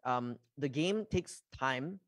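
A man speaking in an online panel discussion with a measured, deliberate manner. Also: mid-range voice, expressive, a bit bright, no echo. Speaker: venture capital panelist.

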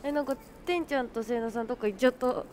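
A woman's voice: on the high side, very fast, darkish tone. A woman live-streaming outdoors, chatting casually with her viewers and friends and laughing often. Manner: bubbly, greets chat, laughs often. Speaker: livestreamer.

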